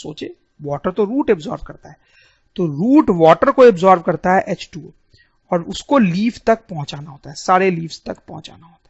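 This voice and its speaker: A man's voice: high voice, dry recording. A man teaching a biology lesson over diagrams, often repeating key terms and calling on the students. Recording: dull, dry lo-fi sound.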